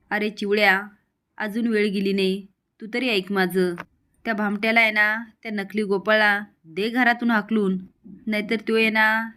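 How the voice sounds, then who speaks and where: Give me a woman doing a fearful old grandmother, urgent and pleading, in a fairly flat voice. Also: medium pitch, natural voice.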